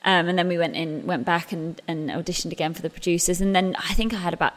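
A long reverb tail follows the fairly low voice of an English musical theatre actress in her thirties as she talks quickly about her career in an interview. Chatty and self-deprecating, she keeps restarting and laughing at herself.

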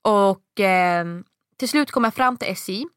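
A woman in her thirties telling a long story in casual chat, acting out the quotes in a much higher voice. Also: clear, resonant tone, no echo, studio quality.

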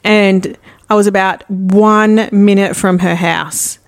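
A woman chats casually on a podcast, winding through a long story with plenty of swearing. Her voice sits at a middling pitch. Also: fairly even intonation, slow. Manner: swears freely, rambling anecdote. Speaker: podcast co-host.

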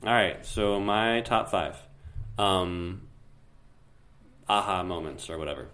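A man in his thirties co-hosting a casual podcast from home, talking in a relaxed, rambling way with fillers. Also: low-pitched, slow pace. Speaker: podcast co-host. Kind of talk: casual chat.

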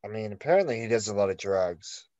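A man's voice: on the low side, lively intonation, fast talker, a little mellow, no room sound, muffled recording. A man co-hosting a casual podcast, rambling through a story with constant "like" fillers and plenty of swearing. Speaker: podcast co-host.

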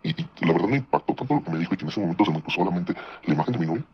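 In dull, lo-fi audio with a faint hiss or hum, a Mexican-accented man shares a personal story on a podcast. His very low, husky voice moves at a rapid, breakless pace, animated and conversational. He takes on different voices whenever he quotes someone.

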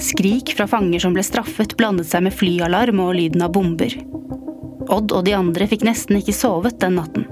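A woman narrating a scripted history story in a calm, even way. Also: fairly low pitch. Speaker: podcast narrator. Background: faint music.

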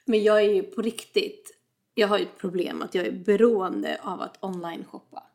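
A woman's voice: mid-range voice, fairly even intonation, a little mellow. A young woman in casual chat, talkative, mixing English phrases into her talk and acting out what others said. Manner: chatty, mixes English phrases, acts out quoted exchanges.

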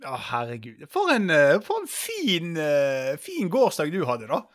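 A man's voice: on the high side, wildly swooping pitch, a bit bright. A man co-hosting a podcast, reacting in casual chat with teasing, playful remarks. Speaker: podcast co-host.

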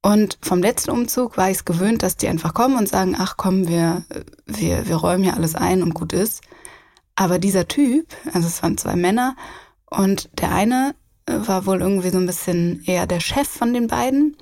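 A woman's voice: mid-range voice, moderate pace, warm tone. A young woman from hosting a podcast, chatting casually with many laughs and side tracks. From Germany. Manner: chatty, rambling, laughs often. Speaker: podcast host. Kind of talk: casual chat.

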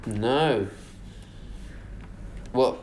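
A man's voice: medium pitch, drawn-out words, a little mellow, slight background noise. A man, hosting a podcast and running a casual football quiz, keeping score and teasing the players. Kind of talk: casual pub quiz banter.

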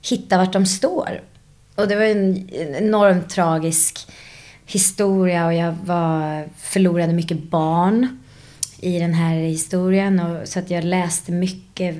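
Actress, female, lowish voice, reflective interview guest, animated storyteller, mixes in English. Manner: drops English phrases into her speech. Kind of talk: casual interview chat.

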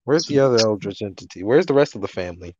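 A man's voice: fairly low pitch, lively intonation, quick pace, mellow, a little hiss or hum. A man bantering during a tabletop game, slangy and repetitive, with mock exasperation. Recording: dull lo-fi, dry close sound.

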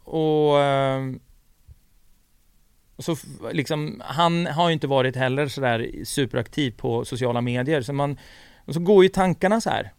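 Smooth-voiced man telling a story. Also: medium pitch, no room sound, clean studio sound. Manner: storytelling with lots of fillers and quoted dialogue. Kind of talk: casual chat.

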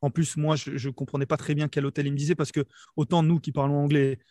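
A man's voice: a little high, little pitch movement, fast talker, dark tone, dry recording, clean studio sound. A man from the south of France, a reporter chatting casually on a podcast and talking with lots of fillers and restarts. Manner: hesitant, many fillers and restarts.

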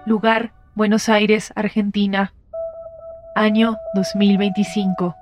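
A woman voicing a flat computer announcer. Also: mid-range voice, takes it slowly, over music, close to an everyday voice. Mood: cold. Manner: flat, robotic readout. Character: female computer system voice.

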